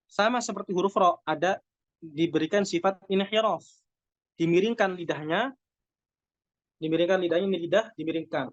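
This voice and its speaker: An Indonesian man teaching Quran recitation rules, explaining step by step and then reciting slow, drawn-out examples. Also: sits high, no echo. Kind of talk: tajwid lesson with recited examples. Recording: dull, dry lo-fi recording.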